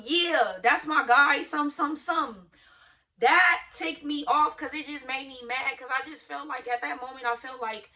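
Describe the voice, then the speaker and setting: Bright, lively young woman telling a storytime. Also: high-pitched. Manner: candid, animated, swings from loud outbursts to hushed asides. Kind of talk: storytime vlog.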